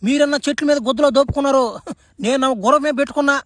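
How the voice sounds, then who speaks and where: A man's voice: very high-pitched, fairly even intonation, racing, fairly bright tone, no room sound, clean studio sound. A man doing a crude comic sketch, rowdy and teasing, swearing often. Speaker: comedy sketch performer.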